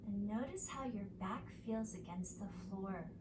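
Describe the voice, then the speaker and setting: A woman leading a preschool yoga class, giving gentle, sing-song prompts to children. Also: mid-range voice, lively intonation, a little slow, background noise. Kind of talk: guided kids' yoga instruction. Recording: echoey room, mic at a distance.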